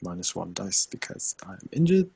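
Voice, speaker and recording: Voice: low-pitched, big pitch swings, moderate pace, vocal fry, mellow, a little hiss or hum. A player at a tabletop role-playing game, making dry, sarcastic remarks about the dice.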